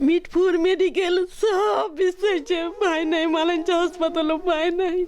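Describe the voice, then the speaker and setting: Sobbing woman, very high wailing voice. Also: fairly even intonation, moderate pace, a little mellow. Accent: rural Dhaka-area Bangladeshi. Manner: wailing, tearful lament. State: crying hard, sobbing. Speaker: bereaved mother being interviewed.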